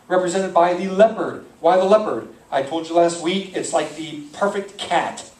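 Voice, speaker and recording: A male pastor gives a verse-by-verse Bible lesson in a loose, conversational way, pausing to work out names aloud. His voice sits a little high and sounds far from the mic, and the church hall around him rings with echo. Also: a little mellow. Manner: conversational, thinks aloud, self-correcting on names.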